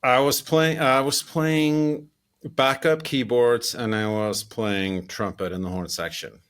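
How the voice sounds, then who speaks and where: A man in his fifties from Iceland, a composer chatting relaxed in an interview, laughing easily, with many fillers. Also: medium pitch, slow pace, smooth. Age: 50s. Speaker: composer, guest. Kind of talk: casual interview chat.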